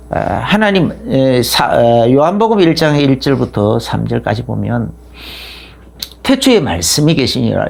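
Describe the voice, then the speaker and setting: A man's voice: mid-range voice, gravelly. A middle-aged man, a pastor, preaching a sermon in a rambling way, full of fillers and restarts, growing fervent as he goes.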